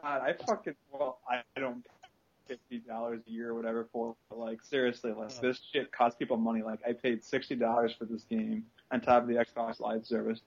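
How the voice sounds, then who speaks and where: A man hosting a podcast at a middling pitch, swearing freely and telling stories with lots of energy. He jumps into loud impressions of other people as he talks. The recording sounds dull and lo-fi. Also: fairly quick, gravelly, slightly rough. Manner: animated, profane storytelling with yelled impressions. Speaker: podcast host. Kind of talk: casual chat.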